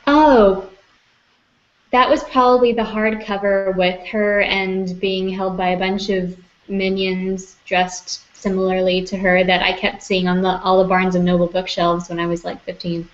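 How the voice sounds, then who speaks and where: A young woman co-hosting a comic book podcast, chatting casually with animated asides and easy laughter. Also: medium pitch, measured pace. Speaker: podcast co-host. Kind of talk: casual chat. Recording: dull lo-fi podcast audio.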